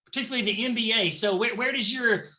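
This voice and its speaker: A man's voice: very high-pitched, bright, forceful tone. A man with a Southern US drawl hosting a family game show over a video call, playful and chatty. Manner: playful, chatty, quick banter.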